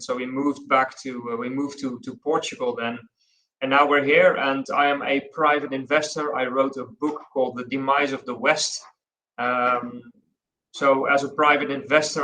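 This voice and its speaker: A man's voice: medium pitch, rough recording. A man in his forties with a Dutch accent, co-hosting a casual podcast chat and often repeating words as he gathers his thoughts. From Netherlands. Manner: relaxed, repeats words while thinking. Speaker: podcast co-host.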